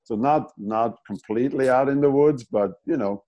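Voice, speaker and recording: A man's voice: medium pitch, moderate pace, dark tone, muffled recording. A man from German-speaking Switzerland, an animator guest in a casual interview, who talks in a rambling way with many restarts and fillers.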